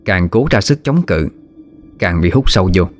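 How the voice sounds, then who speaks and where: A man with a Southern Vietnamese accent narrating a folk ghost story in a lively, vivid manner. His voice is low-pitched, with faint music beneath. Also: moderate pace.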